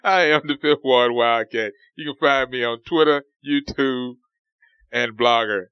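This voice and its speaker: Smooth-voiced man, rambling sports talk. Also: medium pitch, unhurried, dry recording, muffled recording. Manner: rambling, many fillers and restarts. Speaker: podcast co-host. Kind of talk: casual sports podcast chat.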